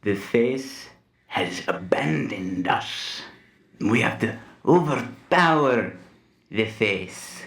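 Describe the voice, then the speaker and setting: A man's voice: lowish voice, lively intonation, slow, distant mic, pitched above the performer's own voice. A man voicing a scheming cult villain in a tabletop game, gloating and toying with his listeners in a theatrical monologue. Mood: fervent, scheming. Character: scheming male cult villain, gloating, smugly playful, unhinged. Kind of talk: improvised tabletop role-play. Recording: roomy, echoing sound.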